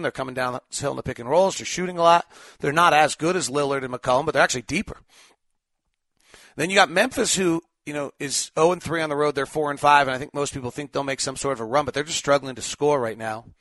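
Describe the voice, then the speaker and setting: A male sports podcast host with a slightly high voice gives off-the-cuff commentary. He thinks aloud in short assessments, recorded close and dry. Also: fairly bright tone, dry recording.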